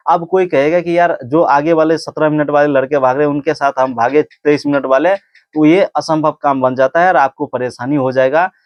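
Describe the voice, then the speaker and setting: A man's voice: fairly high pitch, steady tone, moderate pace, no echo, highs cut off. A man giving casual, earnest training advice to viewers, repeating points and restarting sentences often. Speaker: physical test coach. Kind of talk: casual instructional talk to camera.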